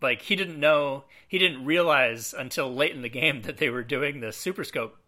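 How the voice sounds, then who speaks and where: A man's voice: medium pitch, normal speed. A man casually discussing an old movie on a podcast, talking loosely with fillers and acting out quotes. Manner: relaxed, lots of fillers, acts out quotes. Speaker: podcast co-host.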